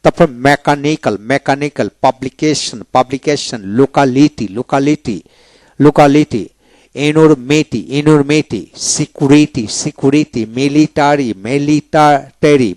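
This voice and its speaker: A man teaching a pronunciation lesson, reading each English word twice in a slow, repetitive drill. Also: mid-range voice, darkish tone, no echo.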